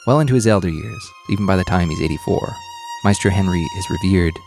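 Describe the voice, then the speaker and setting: A man's voice: sits low, animated, quick pace, music in the background. A man narrating a story podcast as its host, in a dry, wry scripted delivery.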